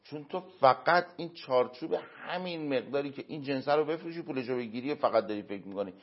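A man answering as an interview guest, giving earnest moral and religious advice through everyday examples, with emphatic pauses. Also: mid-range voice. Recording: dull lo-fi recording.

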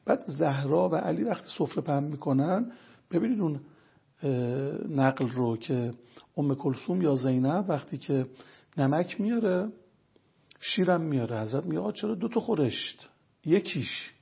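A man's voice: fairly high pitch, lively intonation, gravelly, slightly rough, lo-fi sound. A man talking as a guest lecturer, explaining earnest points one by one and telling stories to make them. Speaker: religious health lecturer guest. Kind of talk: explanatory storytelling talk.

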